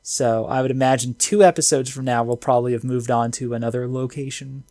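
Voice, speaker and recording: Excitable slangy man, dry close sound. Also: medium pitch, brisk, no room sound. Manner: excitable, slangy, filler-heavy. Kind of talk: casual anime review chat.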